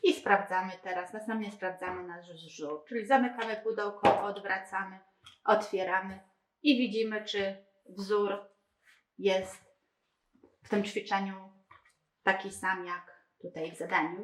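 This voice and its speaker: A woman showing a children's reading game step by step, explaining each move in a calm, methodical way. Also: mid-range voice, a little hiss or hum. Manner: slow, methodical, talking through each move. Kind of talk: step-by-step demonstration. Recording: roomy indoor echo.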